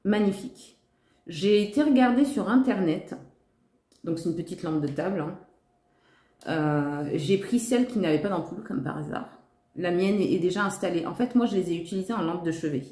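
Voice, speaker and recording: A woman's voice: lowish voice, moderate pace, mellow. A woman chatting in a casual shopping-haul vlog, gushing with enthusiasm and talking straight to her viewers. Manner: gushing, enthusiastic, repeats "trop" and "magnifique". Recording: echoey room.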